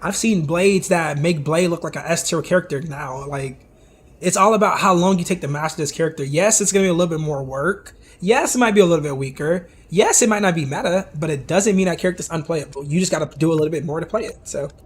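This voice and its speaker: A fast-talking man with a fairly high, husky voice that sounds hoarse and worn out commentates on game replays during a live stream. He speaks loosely and directly to his chat, restarting sentences and drifting into frequent asides.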